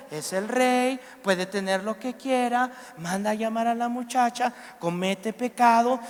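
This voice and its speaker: A Mexican man preaching a sermon in church, animated, acting out biblical figures and putting questions to the congregation. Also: sits high. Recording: live church recording with long reverb.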